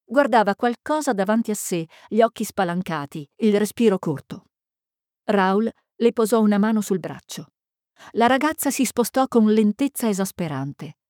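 A woman narrating a mystery novel in a measured, suspenseful reading. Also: medium pitch, expressive, darkish tone, no room sound, studio quality. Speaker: audiobook narrator. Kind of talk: scripted narration.

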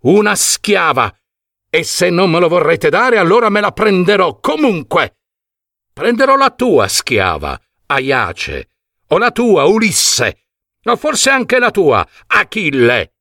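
A man voicing a furious, greedy ancient king who shouts his demands indignantly, in a storybook reading. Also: mid-range voice, very animated, slow, vocal fry, dry recording, studio quality, heavily acted. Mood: angry.

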